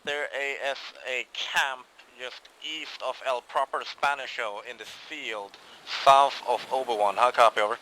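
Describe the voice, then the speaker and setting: A man's voice: mid-range voice, fairly even intonation, measured pace, few pauses, pushed and bright. Man on walkie-talkie radio, clipped military call signs, noisy gunfire mix behind. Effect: heard over an in-game walkie-talkie radio. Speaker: player calling in artillery targets. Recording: noisy game audio with gunfire.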